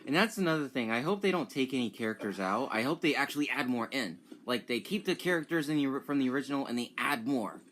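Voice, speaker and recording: A young man giving casual commentary as he reacts to a game demo, excitable and breaking into sudden exclamations. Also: medium pitch, fast, hardly any pauses, a little hiss or hum. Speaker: gaming YouTuber reacting to a demo.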